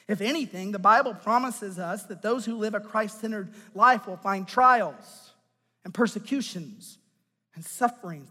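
A male pastor preaching a sermon, swinging between loud emphatic lines and hushed low ones, and putting direct questions to the listeners. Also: long reverb tail.

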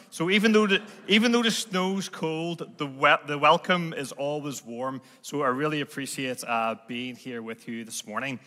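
Northern Irish man, bright voice, big hall. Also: medium pitch. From Northern Ireland. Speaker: visiting ministry leader, guest speaker. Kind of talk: guest address to a church congregation. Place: large indoor church, speaking from a stage. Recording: church hall with long reverb.

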